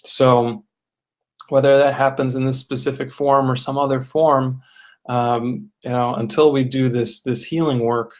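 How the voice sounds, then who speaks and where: Flat-toned earnest man reflecting. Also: mid-range voice, a little slow. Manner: earnest and even, with filler-heavy restarts. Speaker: co-host reviewing a film. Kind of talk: casual discussion.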